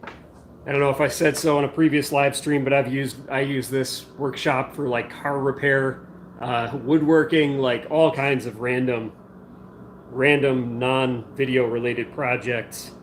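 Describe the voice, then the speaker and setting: Young male maker, mid-pitched voice, loose unscripted chat while tinkering at the bench. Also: flat delivery, a little slow, a little hiss or hum. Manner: rambling, thinking aloud with many fillers; working hands-on while talking. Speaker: maker hosting a livestream. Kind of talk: casual livestream chat. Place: home workshop.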